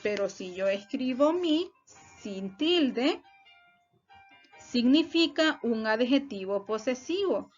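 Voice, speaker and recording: A woman's voice: a little high, expressive, slow pace. A woman teacher, giving a recorded spelling lesson to students with careful, example-led explanations. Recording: dull lo-fi recording with faint music.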